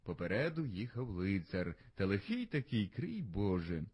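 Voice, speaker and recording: A man reading a verse tale aloud as the storyteller, in an expressive, sing-song recitation. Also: lowish voice, normal speed, breathy edge.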